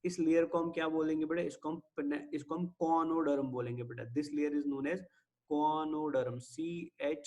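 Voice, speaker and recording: A man with an Indian accent giving a biology lecture, who keeps asking his students questions, answers them himself and slows down on English definitions. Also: a little high, flat delivery, a little mellow, dull audio. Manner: mixes Hindi with English terms, slows on definitions. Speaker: biology teacher. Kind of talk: classroom lecture.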